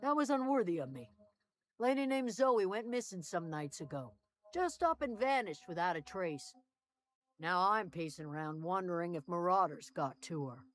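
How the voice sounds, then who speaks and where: A woman's voice: on the low side, expressive, moderate pace, lightly acted. An actress playing a guarded, worried woman keeping watch over a camp in a video game, blunt and folksy in her phrasing.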